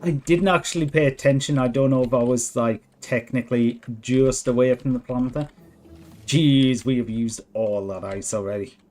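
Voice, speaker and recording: A man's voice: medium pitch, moderate pace, a little mellow. A man streaming a video game, chatting casually in a self-deprecating way. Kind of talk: casual livestream chat while gaming.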